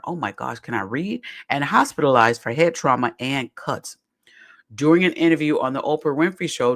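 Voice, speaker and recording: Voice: mid-range voice, a bit bright. A podcast host giving casual commentary while reading aloud from a web page, chatty and folksy, often stumbling over the words.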